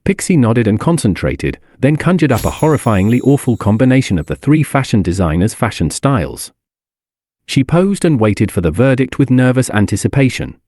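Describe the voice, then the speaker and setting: A man reading a story aloud as narrator, in an expressive, lively way. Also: mid-range voice, normal speed, no room sound, clean studio sound.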